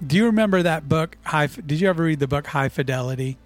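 A man's voice: a little high, expressive, fast. A man co-hosting a podcast, telling laid-back stories about music with lots of "like.". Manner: anecdotal, laid-back, says "like" often. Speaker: podcast co-host, bass player. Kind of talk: casual chat about their record.

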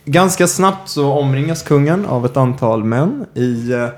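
A man hosting a podcast, telling a true-crime story in a casual way, often pausing on filler sounds. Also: mid-range voice, a little mellow. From Sweden. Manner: hesitant, many filler "eh"s. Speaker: podcast host.

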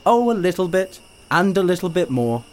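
A man voicing a patient, gently teasing mother who frets over money, in a read-aloud storybook. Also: high voice, very animated, normal speed, voice pushed up. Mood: fretting. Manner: gently teasing, repeating sayings. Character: warm, busy Kenyan mother, patient but worried.

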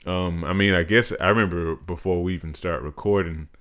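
A man in his thirties co-hosting a podcast, talking in a measured, reflective, casual way. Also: deep voice, steady tone, a bit bright. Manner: measured, reflective, practical-minded. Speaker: podcast co-host. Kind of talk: casual chat.

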